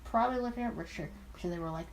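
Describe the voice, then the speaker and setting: This let's player has a mid-range voice and talks rapid-fire as she reads a visual novel aloud with commentary. She is expressive but stumbles and rereads, and there is some background noise.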